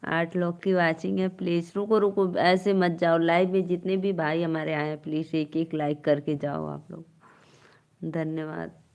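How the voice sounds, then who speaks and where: A woman's voice: lowish voice, little pitch movement, measured pace, darkish tone, smooth. A young woman with an Awadhi accent hosting a folk-song live stream, chatting and teasing viewers and laughing often.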